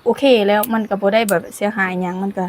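A woman's voice: mid-range voice, flat delivery, fast talker, a little hiss or hum. Chatty Lao woman cooking outdoors. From Laos. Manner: chatty, laughs often while talking. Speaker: cooking vlogger. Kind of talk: casual cooking vlog chat. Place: outdoors in sunshine. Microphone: camera filmed by her niece.

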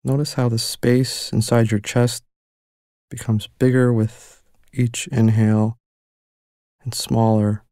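With a medium-pitched voice, a man guides listeners through a mindfulness meditation, speaking calmly, gently and without hurry. Long pauses fall between his phrases. The studio-quality recording is dry.

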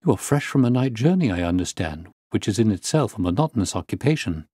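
Audiobook role: brisk, firm but courteous male doctor, lively intonation male reader acting it out. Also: fairly low pitch, slightly rough, no room sound, clean studio sound. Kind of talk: audiobook character voice.

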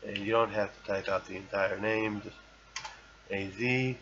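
A man's voice: lowish voice, steady tone, moderate pace, a bit bright, dull audio, slight background noise. A man hosting a podcast, chatting casually as he plays an old online game, reading its text aloud with playful bravado. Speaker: podcast host. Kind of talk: casual gameplay commentary.

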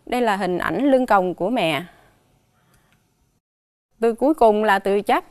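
A woman teaching children a dictation lesson, slowly and carefully spelling out each sound and tone mark, with a Southern Vietnamese accent. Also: mid-range voice, animated, a little mellow, dry recording, clean studio sound. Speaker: primary school teacher.

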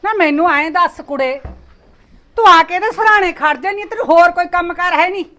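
A woman's voice: very high-pitched, moderate pace. A woman playing an older village mother with a scolding manner and a Punjabi accent. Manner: scolding, sharp-tongued. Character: sharp-tongued village mother, scolding her daughter-in-law. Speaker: mother of the husband.

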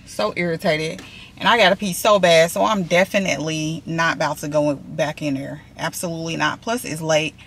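A woman's voice: deep voice, fairly even intonation, normal speed, a bit bright. A woman, chatting casually to viewers from a parked car, rambling and calling them y'all. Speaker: vlogger. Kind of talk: casual vlog chat. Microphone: camera on dashboard.

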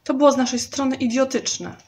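A woman doing a frantic, excitable male constructor. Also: high-pitched, moderate pace, pitched above the performer's own voice. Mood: upset. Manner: agitated, pleading.

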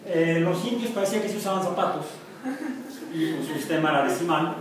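A man's voice: a little high, brisk, background noise. A Mexican man teaching a university math class, joking and asking the students questions. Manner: jokey, asks the class questions. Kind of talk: classroom lecture. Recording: echoey classroom from far off.

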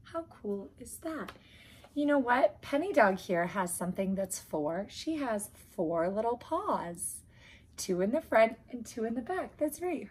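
A woman's voice: medium pitch, slight background noise. A woman in her thirties chatting to young children as a circle time host, with simple questions and explanations. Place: living room at home.

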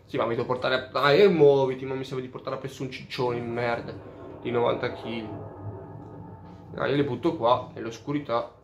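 A man chatting through a let's play, cursing often and admitting out loud that he is lost. His pitch sits at an ordinary middle. The sound carries a noticeable room echo. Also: flat delivery, fairly quick, gravelly, lo-fi sound, soft background music. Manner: profane, openly baffled. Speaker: gamer. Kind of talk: casual let's play commentary. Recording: roomy echo.

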